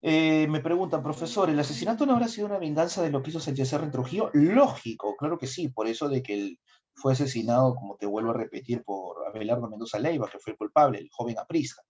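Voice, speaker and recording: A middle-aged man with a Peruvian accent lectures on history with lively energy, pausing to quiz his students. His voice sits in a middle register. The recording is a little dull and lo-fi. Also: medium pitch, slightly rough. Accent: Peruvian Spanish. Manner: asks students questions, animated. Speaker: history teacher.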